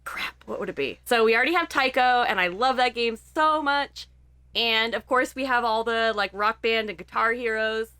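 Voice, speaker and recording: A young woman co-hosting a podcast, giggly and excitable, chatting casually and swearing now and then. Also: on the high side, normal speed, smooth, dry recording. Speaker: podcast co-host. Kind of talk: casual chat.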